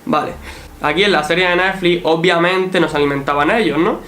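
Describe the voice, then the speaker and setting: High-voiced young man telling a story. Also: fairly quick, slight background noise. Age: young adult. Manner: animated, swears freely, acts out quotes. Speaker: athlete recounting his show run. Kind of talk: casual storytelling vlog commentary.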